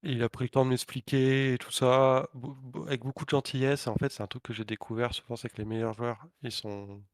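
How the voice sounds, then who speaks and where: A man's voice: medium pitch, fairly even intonation, fairly quick, no room sound, clean studio sound. A man co-hosting a podcast, telling a story in casual chat with crude slang, swearing and lots of hesitations. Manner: frequent filler hesitations. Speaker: podcast co-host and competitive player.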